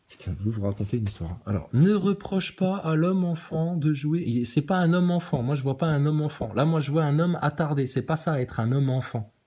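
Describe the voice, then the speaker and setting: A man's voice: medium pitch, lively intonation, fairly quick, hardly any pauses, dark tone. A man ranting sarcastically during a live stream, reading out viewer comments and mocking them, swearing often and laughing between his remarks.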